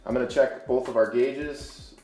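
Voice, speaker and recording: A man's voice: mid-range voice, fairly even intonation, moderate pace. A man giving step-by-step instructions as a firefighter training instructor, in a plain, procedural manner. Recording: echoey room, music underneath.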